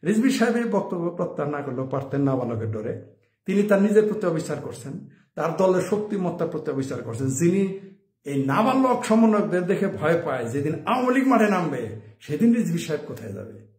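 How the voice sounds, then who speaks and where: Speaking a little fast in a fairly high, darkish voice with big pitch swings, a political commentator delivers an opinionated monologue. He peppers it with rhetorical questions and chuckles at his own points, and the room sounds roomy and echoey.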